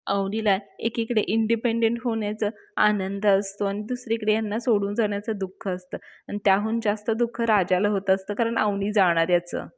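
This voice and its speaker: A woman's voice: mid-range voice, fairly even intonation, moderate pace, hardly any pauses. A young woman hosting a serial review, narrating the episode in a storytelling way and addressing her viewers directly. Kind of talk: retelling a TV episode.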